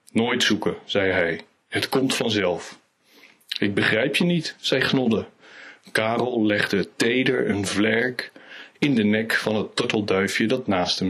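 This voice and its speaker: A man reading an animal story aloud in a slow, unhurried storytelling manner, lightly voicing the characters. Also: on the low side, fairly bright tone, husky. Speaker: reader.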